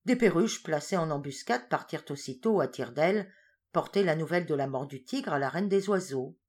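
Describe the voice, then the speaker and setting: A woman narrating a children's storybook in an expressive, lively way. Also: sits low, fairly quick, husky. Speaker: audiobook reader.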